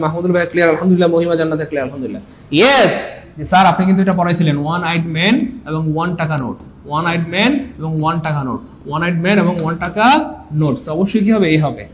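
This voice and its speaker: A man's voice: sits high, a little hiss or hum. A man with a Bangladeshi accent teaching an online exam-prep English class, repeating points and coaxing students to comment.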